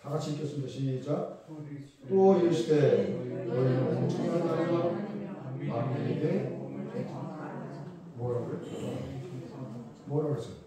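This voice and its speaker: A male pastor giving a sermon, asking the congregation questions and swinging between loud emphasis and soft asides. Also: mid-range voice, a little slow, long pauses, over a noisy crowd. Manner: conversational preaching with questions to the congregation. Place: church sanctuary. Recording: echoey church room, mic at a distance.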